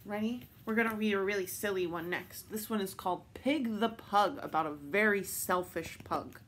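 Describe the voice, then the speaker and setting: A woman reading picture books aloud at storytime, in a slow, expressive, playful way. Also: mid-range voice, slight background noise. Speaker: storytime reader.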